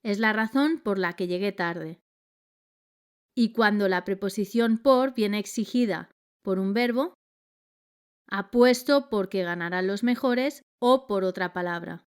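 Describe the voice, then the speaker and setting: A woman reading a scripted grammar lesson in a measured, clear delivery. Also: mid-range voice. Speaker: grammar teacher.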